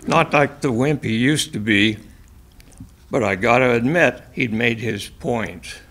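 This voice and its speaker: A man reading a first-person short story aloud in a dry, measured way. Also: medium pitch, a bit bright. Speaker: story reader.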